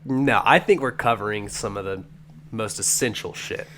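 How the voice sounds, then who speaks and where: A man with a fairly low voice co-hosts a podcast, with faint noise behind him. He banters casually and comically. His talk is boastful and full of swearing. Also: normal speed, fairly bright tone. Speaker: podcast co-host.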